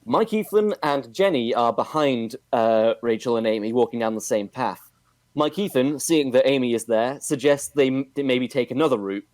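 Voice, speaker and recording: A man casually recapping a television episode on a podcast, with steady narration and frequent fillers. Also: mid-range voice, moderate pace, no echo. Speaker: podcast host recapping a show.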